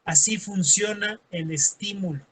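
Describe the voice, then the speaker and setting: A man's voice: high voice, measured pace, fairly bright tone, slight background noise. A man teaching a lesson, acting out everyday scenes in quoted voices and adding sarcastic asides. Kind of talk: classroom lecture.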